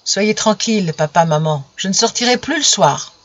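A woman's voice: mid-range voice, expressive, moderate pace, no echo, lightly acted. Storybook part: earnest young peasant lad, read by a woman, rustic confessional tone, muffled recording. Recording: dull lo-fi recording.

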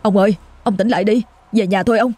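A woman's voice: medium pitch, steady tone, fast talker, darkish tone, no room sound, lightly acted. A woman voicing a frightened young male servant boy who trembles and stammers. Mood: panicked.

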